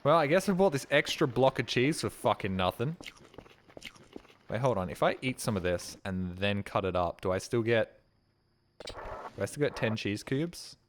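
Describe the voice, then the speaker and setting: A man's voice: mid-range voice, lively intonation, normal speed, long pauses. Joking man streaming games. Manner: joking, sardonic, swears a lot, chats to viewers. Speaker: game streamer. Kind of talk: casual live-stream commentary. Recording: noisy stream recording.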